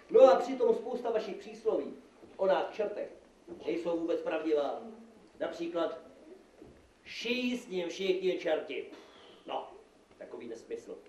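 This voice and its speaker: A man's voice: a little high, darkish tone, slight background noise, natural voice. A man playing a jovial male devil who lectures people at a live puppet theater show, chuckling and playful. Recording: echoey room, from far off.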